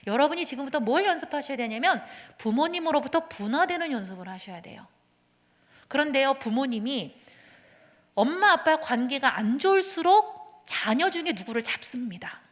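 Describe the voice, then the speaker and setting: A fairly high-voiced woman counselor lectures in a church hall, her words trailing into a long reverb. She talks with lively energy, playing out little scenes of dialogue, then sinks to a hushed whisper to drive a point home. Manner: lively, acts out quoted dialogue, drops to a hushed whisper for emphasis. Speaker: counselor giving a talk. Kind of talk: lecture to young adults.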